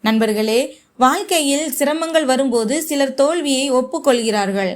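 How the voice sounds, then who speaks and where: A woman narrating a first-person story in a measured, heartfelt way. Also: high-pitched.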